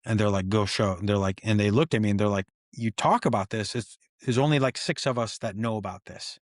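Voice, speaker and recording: A man, a stuntman guest, telling set stories in an excited, animated way and acting out quoted dialogue. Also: fairly low pitch, a little fast, dry recording, clean studio sound. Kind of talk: animated storytelling interview.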